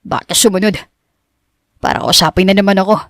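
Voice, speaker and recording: Woman voicing a cold young man in an audiobook, lowered and curt, gruff timbre. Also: fast, no echo, clean studio sound, lightly acted. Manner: curt and cutting, mixing English in. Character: cold, bitter young rich man posing as gardener. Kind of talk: audiobook character reading.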